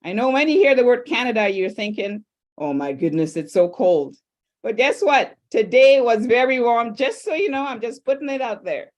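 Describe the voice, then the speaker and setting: A woman from Trinidad and Tobago, hosting an online panel in a chatty, upbeat way with lively asides. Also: on the high side, normal speed, dull audio. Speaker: host.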